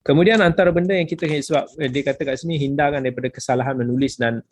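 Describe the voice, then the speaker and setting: A man's voice: medium pitch, steady tone, racing. A man with a Malaysian accent, a religious teacher explaining a book in a patient lecture, slipping English phrases into his talk.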